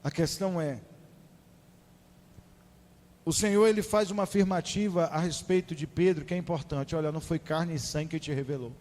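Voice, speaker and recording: Male preacher in a reverberant hall. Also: a little high. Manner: conversational and animated, addresses listeners directly. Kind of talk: sermon.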